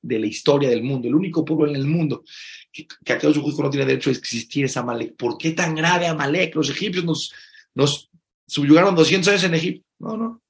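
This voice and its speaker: A rabbi teaching Torah in a sermon, mixing Hebrew phrases into his Spanish, emphatic and shifting from soft, intimate asides to loud exclamations. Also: on the high side, brisk.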